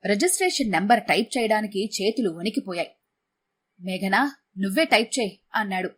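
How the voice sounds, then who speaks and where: Husky-voiced woman narrating a story. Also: medium pitch.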